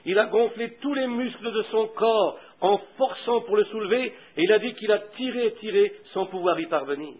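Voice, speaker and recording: At a moderate pace with a breathy edge and barely any pauses, a high-voiced preacher moves from soft storytelling into fervent, loud appeals. The aged recording is thin and tinny, as though heard through a phone.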